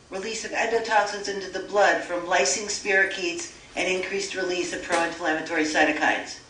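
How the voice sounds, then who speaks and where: With a lowish, fairly bright voice, a woman who is a naturopathic doctor reads lists steadily during a lecture, stumbling and correcting herself now and then. It's recorded in an echoey store event room, distant from the mic, with faint hiss.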